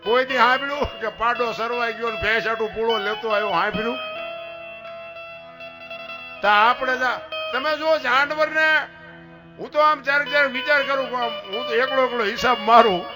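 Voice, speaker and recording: A man telling folk stories to an audience in a lively, teasing, rustic way. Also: extremely high pitch, moderate pace, music in the background. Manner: rustic, lively, teasing storyteller who asks the crowd questions. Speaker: folk storyteller. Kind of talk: humorous folk talk to an audience.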